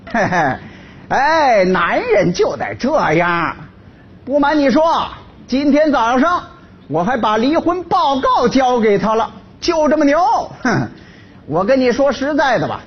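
A laid-off husband in a stage comedy sketch, loud and boastful one moment and stammering and fawning the next. The voice sits high and swings widely in pitch. The recording is slightly dull, with faint stage ambience. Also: male voice, breathy edge, full character voice. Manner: brags loudly, then grovels and stammers.

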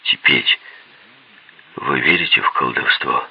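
A man's voice: a bass voice, slow pace, breathy edge, highs cut off, full character voice. A man voicing a grave doctor who insists on what he has seen, in an audiobook. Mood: insistent. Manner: insistent, lecturing.

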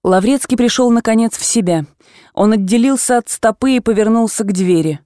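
Woman reading an old novel, calm even storytelling, warm low tone, dry sound. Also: a little fast, no echo. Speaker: audiobook reader. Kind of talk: classic novel audiobook narration.

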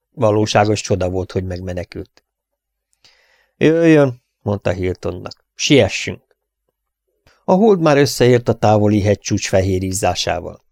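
A man narrates an adventure novel with brisk, dramatic pacing in a low, steady voice. He sits close to the mic, and the sound is dry with no room echo. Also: creaky. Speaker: audiobook narrator.

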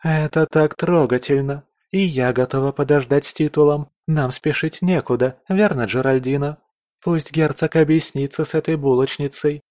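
A sweet, sentimental young court lady, as a man puts her on in a raised, cooing voice. She is soft and eager, from a storybook reading. The sound is close and dry. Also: fairly high pitch, normal speed, no echo, pitched above the performer's own voice, close to an everyday voice.

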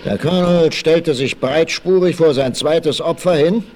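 Here a man with a fairly high, somewhat dark voice takes a slightly slow pace as he narrates a 1960s radio play. His delivery is theatrical and suspenseful, and the sound comes from a vinyl record transfer carrying faint noise.

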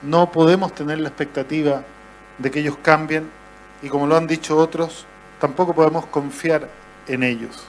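A man from Chile with a Chilean accent giving an impassioned political speech, with rhetorical lists and frequent "eh" pauses. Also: fairly high pitch, fairly even intonation, slight background noise, rough recording. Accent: Chilean Spanish. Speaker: political speaker.

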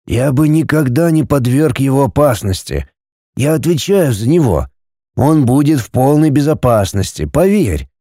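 A man's voice: medium pitch, mellow, no echo, clean studio sound, lightly acted. A man doing a driven, stubborn scientist. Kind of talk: audiobook character reading.

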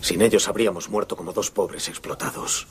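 A man's voice: sits low, steady tone, a little fast, a little hiss or hum. An actor playing a condemned Italian anarchist man giving a solemn, impassioned final statement in court, in a dubbed film.

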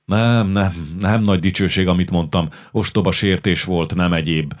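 A man's voice: low voice, steady tone, lightly acted. A man voicing a mild clerk who modestly apologises in an audiobook. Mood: apologetic.

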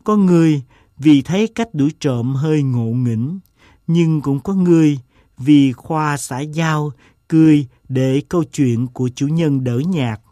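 A man narrating a story in a calm, measured reading. His pace is slow and even. The recording is dry and close, with no room sound. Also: on the high side, dry recording.

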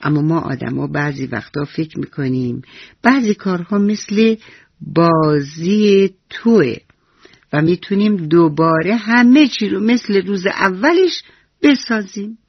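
A woman voicing a kind, patient old grandfather who speaks slowly and softly, on a dull lo-fi radio recording. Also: fairly low pitch, animated, slightly rough, dry recording. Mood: tender.

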